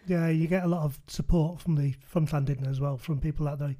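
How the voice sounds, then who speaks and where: A man's voice: fairly high pitch, fairly even intonation, fast talker, mellow. A man hosting a casual podcast chat, talking in a chatty way and often ending his points with tag questions. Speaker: podcast host.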